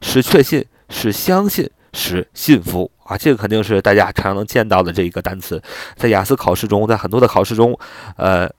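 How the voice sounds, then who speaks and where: A low-pitched man teaching English vocabulary, his voice close and dry with no room around it. He spells words out letter by letter and repeats them slowly. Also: no echo. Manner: explanatory, steady classroom tone. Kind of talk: recorded vocabulary lesson.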